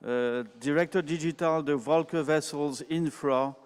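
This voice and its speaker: French-accented moderator in a reverberant hall. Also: male voice, fairly high pitch, clear, resonant tone. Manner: brisk, apologetic announcing. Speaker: session moderator. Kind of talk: moderating a conference session.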